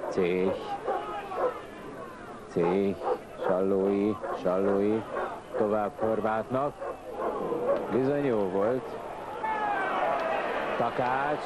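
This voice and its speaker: A man giving live football match commentary, clipping out the names of players. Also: mid-range voice. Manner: clipped naming of players, exclaims at chances. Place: football stadium. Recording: loud stadium crowd, noisy old TV broadcast.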